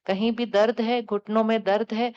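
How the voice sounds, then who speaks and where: A woman spiritual teacher giving a calm, coaxing talk to a live audience, putting questions to the listeners and repeating affirmations. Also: on the high side, moderate pace, clean tone. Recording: dull lo-fi sound.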